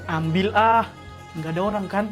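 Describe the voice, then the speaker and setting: A woman's voice: mid-range voice, normal speed, over loud music. Fields: A woman acting out comic skits, playfully switching between kids and mothers, often laughing. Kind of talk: comic skit acting many roles.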